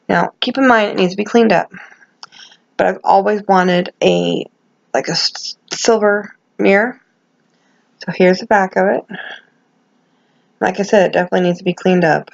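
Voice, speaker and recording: A woman's voice: medium pitch, fairly even intonation, unhurried, creaky, pauses often, muffled recording. A middle-aged woman chatting casually as a vlogger, rambling and self-deprecating, with gummy, toothless articulation and no dentures in. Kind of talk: casual chat to camera.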